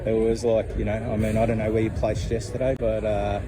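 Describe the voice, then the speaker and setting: A man's voice: lowish voice, flat delivery, fairly quick, background noise. A man interviewing a driver at a racetrack, casual and eager, dropping lots of yeahs. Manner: casual, enthusiastic, says mate and yeah a lot. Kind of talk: trackside interview. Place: outdoors at a racetrack.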